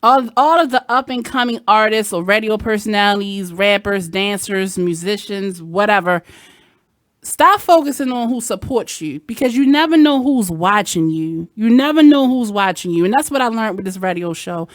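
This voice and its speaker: Chatting casually into a headset, this Baltimore, Maryland radio host speaks with her local accent, candid and full of sassy asides. Her mid-range voice is animated at a moderate pace, and there's no room sound.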